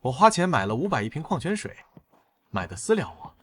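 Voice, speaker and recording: A man's voice: a little high, sing-song, brisk, slight background noise. A man voicing a whiny, pampered neighbor. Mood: complaining. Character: fussy, pampered male neighbor.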